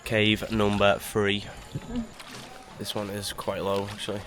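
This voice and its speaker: A man giving casual, awed commentary from a boat inside a low cave, his voice carrying a cave echo. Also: completely flat delivery, fairly bright tone, slight background noise. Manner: awed, slow, chuckling exclamations. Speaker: vlogger on a boat tour.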